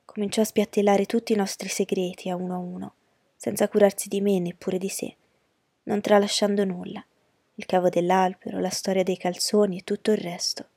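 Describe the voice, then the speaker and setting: A woman narrating an audiobook in a steady, even storytelling voice. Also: mid-range voice, a little fast, slightly rough, no room sound. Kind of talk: audiobook reading.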